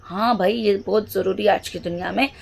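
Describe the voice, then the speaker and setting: Woman teacher with a cracked, gravelly voice. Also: mid-range voice, a little hiss or hum. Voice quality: cracked, loud voice, habit of talking loudly. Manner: mixes Hindi and English, reads slowly, then explains playfully. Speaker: English teacher. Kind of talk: bilingual classroom lesson explaining a story.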